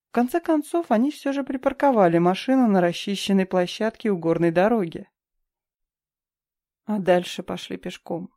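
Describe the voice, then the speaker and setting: Woman audiobook narrator, calm storytelling, low voice, mellow tone. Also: vocal fry. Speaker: audiobook reader. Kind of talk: scripted narration.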